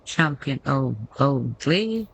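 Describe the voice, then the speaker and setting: A woman's voice: rumbling low, expressive, slow, gravelly, a little hiss or hum, rough recording. A woman giving casual gameplay commentary, thinking aloud and reading menu text out as she goes.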